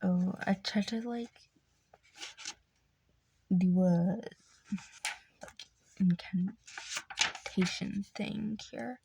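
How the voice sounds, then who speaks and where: A young woman reading poetic diary entries softly and slowly, often dropping into a whisper, in a subdued, halting way. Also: mid-range voice, fairly even intonation, gravelly, a little hiss or hum, rough recording. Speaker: diarist reading own old journal.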